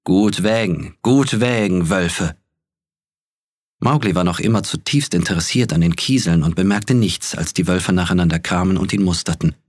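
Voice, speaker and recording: A male narrator reads a storybook in a calm, measured way. His voice is very deep with a husky edge. The recording is dry and close to the mic. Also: dry recording. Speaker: audiobook narrator. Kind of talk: scripted narration.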